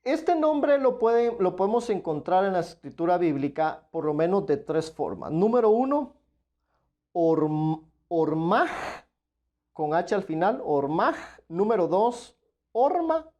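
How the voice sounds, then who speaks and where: A man's voice: high voice, lively intonation, measured pace, mellow, dull audio. A man preaching a Bible study sermon, earnestly addressing his listeners as dear brothers and stressing his points with emphatic repetition. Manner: emphatic, repeats "claro de que sí".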